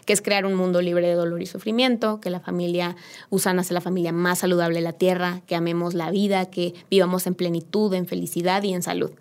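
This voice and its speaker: A woman with a Mexican accent, a podcast guest telling a personal story in a lively, emotional, chatty way. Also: fairly low pitch, fast, clean tone. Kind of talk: casual interview storytelling.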